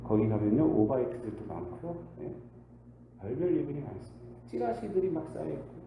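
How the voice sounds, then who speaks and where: A male pastor preaching a sermon, asking the congregation rhetorical questions and swinging between loud bursts and quiet asides. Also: medium pitch, sing-song, fairly quick, gravelly. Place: church sanctuary. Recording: echoey church hall with faint hiss.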